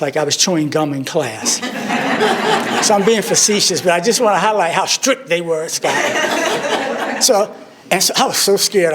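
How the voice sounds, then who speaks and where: An older man speaks at a memorial in a notably high voice for a man. He tells his stories with dry, self-deprecating humor, in the manner of a tribute speech. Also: fairly bright tone, a little hiss or hum. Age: 60s. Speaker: alumnus speaker at a memorial service.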